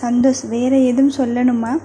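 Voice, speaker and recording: A woman's voice: a little high, flat delivery, moderate pace, dark tone, a little hiss or hum, lightly acted. A woman voicing a stern, protective young man, an older brother, with blunt, curt replies, in an audio novel reading.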